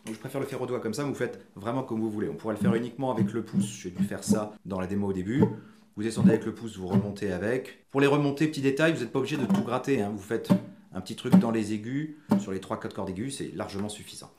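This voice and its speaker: A man's voice: fairly low pitch, quick pace, darkish tone, a little hiss or hum. A man teaching a guitar tutorial, patiently explaining and chanting strum patterns aloud as he plays. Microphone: mic near the guitar. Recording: roomy room with his guitar playing.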